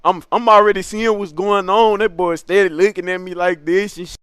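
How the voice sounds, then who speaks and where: A young man telling a funny story in a casual, animated, slangy way, acting out other people's lines in a high voice. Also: brisk, clean tone, no echo, studio quality. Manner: animated slangy street storytelling, laughing, acts out quotes in a high voice.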